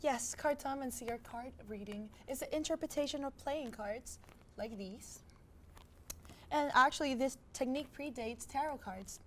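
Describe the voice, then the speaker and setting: Young woman playing a high-voiced fortune teller. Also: moderate pace, a bit bright, slight background noise. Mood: mystical, instructive. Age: young adult. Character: mystical madame fortune teller explaining her craft. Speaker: fortune teller, studio guest. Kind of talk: comedy talk show demonstration. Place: TV studio set.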